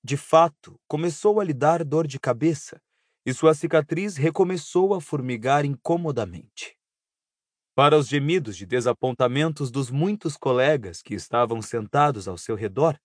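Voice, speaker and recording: A man narrating an audiobook in a steady, even storytelling voice. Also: mid-range voice, dry recording, clean studio sound. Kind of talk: scripted narration.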